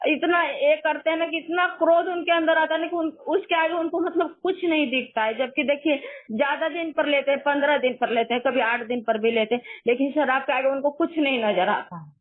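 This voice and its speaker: A woman's voice: high voice, brisk. A middle-aged woman caller earnestly recounting a painful family episode, often pleading "didi". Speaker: caller asking for advice. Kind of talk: emotional personal account. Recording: tinny online call audio.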